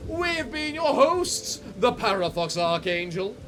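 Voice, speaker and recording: A man with a high, bright voice gives casual gaming commentary as a co-host. He rambles in big swooping intonation, a touch theatrical, over game music. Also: sing-song, slow pace. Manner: rambling, theatrical sign-offs. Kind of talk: casual let's play commentary.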